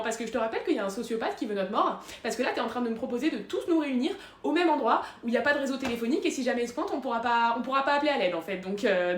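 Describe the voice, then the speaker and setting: A woman performing comedic sketch monologues, self-assured and deadpan. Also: fairly high pitch, echoey room. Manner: deadpan, self-assured, playing several characters.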